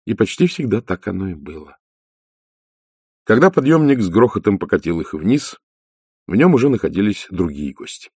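Low, gravelly male narrator for an audiobook, measured and unhurried, close dry sound. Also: big pitch swings, a little mellow, no room sound. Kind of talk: audiobook reading.

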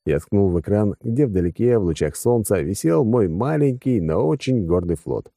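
A man's voice: lowish voice, animated, moderate pace, gravelly, mellow, dry recording, clean studio sound. A man narrating a first-person audiobook with wry, sardonic asides.

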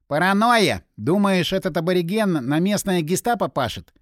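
A man's voice: sits high, lively intonation, normal speed, no echo, studio quality, voice pushed up. A man voicing a cocky, joking young male pyromancer in an audiobook. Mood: teasing. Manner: teasing, brash.

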